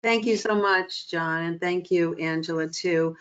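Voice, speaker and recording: Middle-aged female guest, earnest and measured, lowish pitch, lo-fi call sound. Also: clean tone. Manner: earnest, measured, with frequent ums. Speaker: guest speaker. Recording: muffled lo-fi webinar audio.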